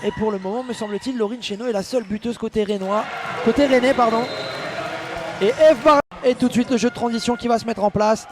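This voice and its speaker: A man giving excited live commentary on a handball match, calling the plays with exclamations and urgings. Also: very high voice, quick pace, music in the background.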